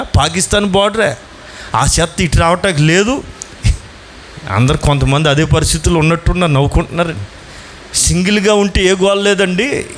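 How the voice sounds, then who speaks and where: A fervent man delivers a Sunday sermon in a fairly high voice, firing questions at his congregation and waiting for replies. He stretches key phrases slowly, then races through asides. A faint hum of the room sits behind him. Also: a bit bright. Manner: asks the congregation questions and urges answers; swings between slow emphatic lines and fast asides. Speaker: pastor.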